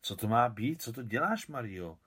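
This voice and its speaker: A man's voice: medium pitch, expressive, fairly bright tone, husky. A man voicing a young village man who pleads earnestly. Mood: pleading.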